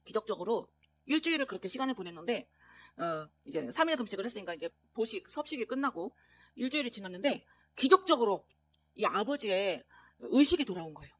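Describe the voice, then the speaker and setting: A woman preacher telling a story in a sermon, earnest and animated, acting out the voices of the people in it. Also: mid-range voice, quick pace, breathy edge.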